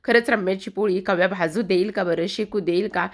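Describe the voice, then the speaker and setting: A woman's voice: medium pitch, normal speed. A woman retelling a TV serial episode in a chatty manner, speaking directly to her viewers. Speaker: TV serial recap narrator.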